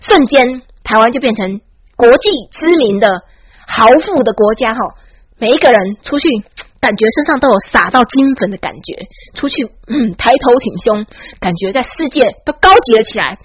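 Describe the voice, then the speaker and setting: A woman with a Taiwanese Mandarin accent giving a mock-boastful satirical monologue, dropping a breathy "ha" into nearly every phrase. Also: on the high side, animated, moderate pace, a bit bright. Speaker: satirical commentator. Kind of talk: sarcastic comic monologue.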